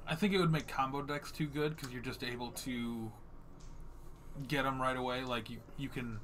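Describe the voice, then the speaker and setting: A man's voice: mid-range voice, fairly even intonation, normal speed, a bit bright, a little hiss or hum. Dry-witted young male guest caster. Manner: dry jokes, analytical. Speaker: guest commentator. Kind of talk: live game commentary. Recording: crowd chatter behind.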